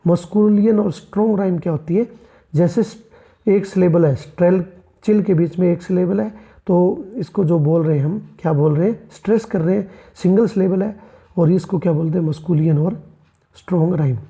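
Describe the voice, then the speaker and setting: Very dark-voiced teacher explaining poetry terms. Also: medium pitch, normal speed. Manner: asks rhetorical questions and answers them; addresses students as friends. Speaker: English literature teacher. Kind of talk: exam-prep lecture.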